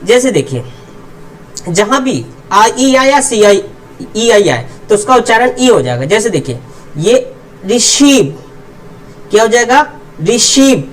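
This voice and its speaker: In this explanatory English pronunciation lesson, the teacher repeats rhetorical questions and answers them, drilling word pairs slowly with each word and then its meaning. Their mid-range voice is very animated. It's captured far from the mic, in low-quality audio.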